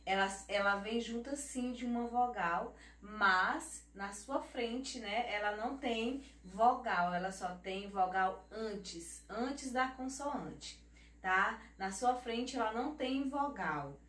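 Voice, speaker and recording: Recorded off-mic in an echoey room, a Brazilian primary school teacher with a fairly high, slightly bright voice teaches young children in Brazilian Portuguese. She spells words out slowly with tag questions to check in, using warm teacher talk and calling herself auntie.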